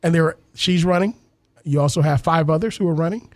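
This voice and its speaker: A man's voice: on the high side, fairly quick, darkish tone, no room sound. A man, hosting a radio talk show with earnest civic commentary. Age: 30s. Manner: earnest, civic-minded, repeats words while thinking.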